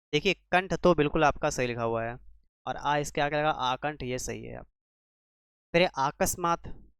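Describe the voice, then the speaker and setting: On a clean studio recording with no echo, a man whose smooth voice sits on the high side and sounds a bit bright teaches an exam-prep spelling and grammar lesson. He quizzes the class with rhetorical questions and repeats each answer.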